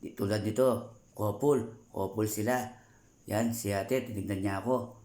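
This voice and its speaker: A man's voice: on the low side, steady tone, measured pace, mellow, roomy sound. A man hosting a casual food vlog from a night market, joking and laughing as he eats and talks to viewers. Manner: playful, laughing, jokey. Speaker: food vlogger.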